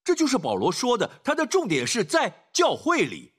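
A man preaching a sermon emphatically, often pausing on filler sounds and dropping in "Amen.". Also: extremely high pitch, huge pitch swings, fairly bright tone, slightly rough.

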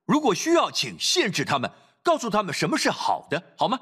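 Man, pastor, sermon, high husky voice, very animated pitch, loud urging then low quiet asides. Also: brisk. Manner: preaching with sharp swings between loud exhortation and low quiet asides.

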